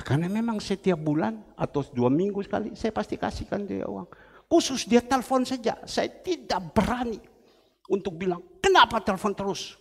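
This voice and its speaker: Man, pastor, sermon, gravelly voice, long echoing church reverb. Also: high voice, darkish tone. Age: older. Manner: preaching with a personal story. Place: large church hall.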